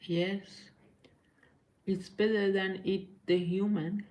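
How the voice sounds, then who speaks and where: A young woman chatting casually with her viewers on a live stream from home, in halting non-native English and laughing often. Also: mid-range voice, flat delivery, a little mellow.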